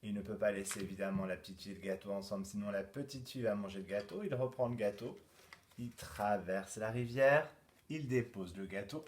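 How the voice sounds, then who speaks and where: A male teacher giving a home-schooling lesson to young children, explaining a puzzle slowly and clearly, then speaking to parents. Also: on the low side, slight background noise. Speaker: kindergarten teacher.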